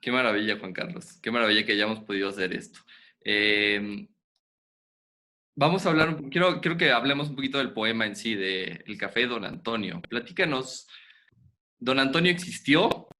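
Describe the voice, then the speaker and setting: A man hosting a podcast, asking questions in a lively, chatty way. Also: medium pitch, moderate pace. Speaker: podcast host, interviewer. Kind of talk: casual interview conversation.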